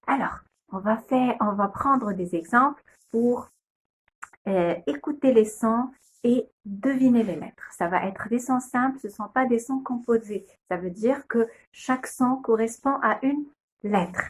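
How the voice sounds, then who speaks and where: Slow, patient woman teaching phonics. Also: fairly high pitch, husky. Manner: slow, patient, sounding out letters and syllables. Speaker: kindergarten teacher. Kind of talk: phonics lesson video.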